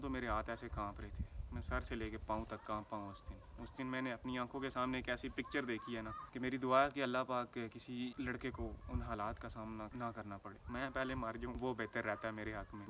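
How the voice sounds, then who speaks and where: A man's voice: medium pitch, distant mic, noisy background. A young man from Pakistan telling his own story as a vlogger, earnest and mixing English phrases into his speech. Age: young adult. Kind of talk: personal storytelling vlog.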